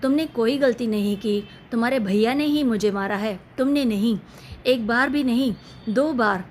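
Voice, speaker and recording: Woman voicing young wife in a family story, firm and measured, fairly high voice. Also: a little hiss or hum, close to an everyday voice. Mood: irritated. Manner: measured, turning sharp. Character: young married woman, patient but firm.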